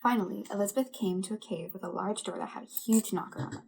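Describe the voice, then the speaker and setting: A woman leads a church service by reading a children's storybook aloud with lively, animated delivery. Her voice is gravelly and husky, at a middling pitch. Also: fast, rough recording. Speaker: director of religious education.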